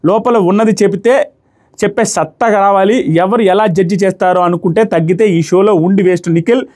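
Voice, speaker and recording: A man's voice: high voice, moderate pace, darkish tone. A man reviewing a reality show in casual, analytical commentary, dropping English phrases into his talk.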